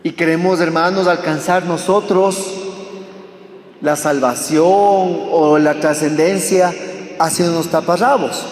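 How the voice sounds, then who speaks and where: A man preaches a sermon with a high, carrying voice, speaking straight to his congregation with fervor. He swings from loud exhortation to hushed, intimate tones. The sound bounces around a roomy hall with a long, lingering reverb. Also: fairly even intonation, unhurried. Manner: fervent, addresses the audience directly. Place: hall with a live audience.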